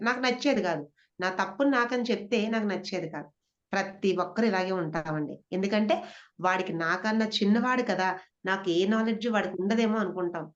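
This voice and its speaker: A middle-aged woman speaks to a gathering about spiritual growth, drawing on her own family life. She keeps turning to her listeners with rhetorical questions and slips English words into her sentences. The recording sounds dull and lo-fi, at a middle pitch. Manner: asks the audience rhetorical questions. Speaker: speaker sharing spiritual experiences. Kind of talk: spiritual talk to an audience.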